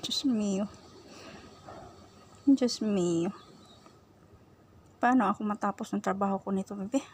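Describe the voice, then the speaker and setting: Outdoors at home after sweeping, a woman coos doting baby talk to her cat, switching between Tagalog and English. Her medium-pitched voice is slow and a little mellow, with a little hiss or hum in the audio.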